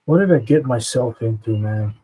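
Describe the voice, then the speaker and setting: A man's voice: mid-range voice, expressive, normal speed, warm tone, husky, poor audio. A man co-hosting a casual art stream, rambling with lots of fillers and "you know what I mean". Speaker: co-host and illustrator.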